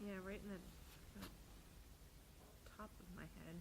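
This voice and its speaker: A woman's voice: medium pitch, fairly even intonation, slow pace. A middle-aged woman giving hesitant, unscripted feedback as a volunteer during a demonstration. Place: lying on a table on a theatre stage. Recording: clear background noise, stage ambience.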